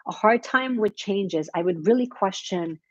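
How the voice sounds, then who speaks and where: A woman's voice: mid-range voice, expressive, a little slow, darkish tone, dull audio. A woman giving a casual weekly tarot reading, chatty and encouraging, with plenty of fillers and restarts. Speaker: tarot reader.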